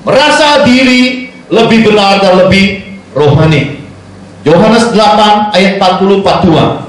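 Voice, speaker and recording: A man, a pastor preaching a sermon, telling stories with lively quoted dialogue and laughing asides. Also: high voice, unhurried. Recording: echoey, far from the mic, faint noise.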